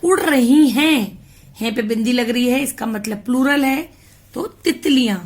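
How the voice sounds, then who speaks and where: A woman tutor from India going through a grammar worksheet, reading words out slowly one by one. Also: on the high side. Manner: slow, deliberate, spells words out one by one. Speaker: home tutor. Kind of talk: explaining a worksheet.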